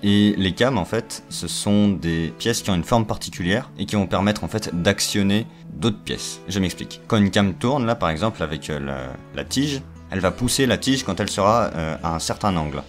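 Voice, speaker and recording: A man's voice: low voice, lively intonation, moderate pace, soft background music. A young man chatting through an engine explanation, full of fillers, restarts and joking asides. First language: French. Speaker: video creator explaining engines. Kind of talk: casual technical explanation.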